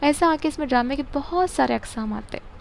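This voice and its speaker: Young female teacher, higher voice, repeats key words and quizzes students, faint room hum. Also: lively intonation, fairly quick, creaky, darkish tone. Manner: repeats key words and stops to check answers. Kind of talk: explaining grammar and literature to students.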